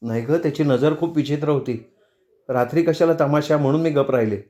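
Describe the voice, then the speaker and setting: A man's voice: fairly high pitch, a little fast, warm tone, lightly acted. A man reading the lines of a bold, wary middle-aged woman in a storybook, with a slightly raised voice. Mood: firm.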